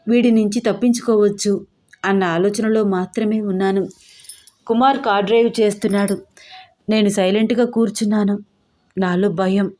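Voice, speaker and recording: A woman's voice: mid-range voice, mellow. A woman narrating a first-person story in a tense, fearful storytelling voice.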